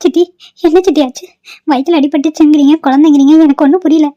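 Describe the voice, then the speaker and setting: A woman's voice: sits high, steady tone, quick pace, dark tone, lightly acted. A woman voicing a timid, pleading young stepdaughter. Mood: anxious pleading. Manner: pleading, anxious. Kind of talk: Tamil cartoon voice acting. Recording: dull lo-fi dry recording.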